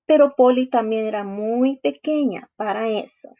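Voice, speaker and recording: Young teacher lady reading to little kids, slow and singsongy, kinda high voice. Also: mellow, dull audio. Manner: slow, sing-song, explaining to young children. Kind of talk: reading a story aloud for a lesson.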